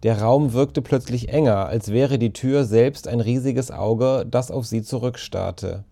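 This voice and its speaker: A man narrating a story in a calm, measured audiobook reading. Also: medium pitch, creaky.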